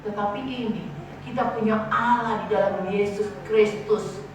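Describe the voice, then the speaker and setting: A woman preacher giving a lively sermon, teasing and calling out to her congregation. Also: mid-range voice, unhurried, background noise. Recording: echoey church hall from far off.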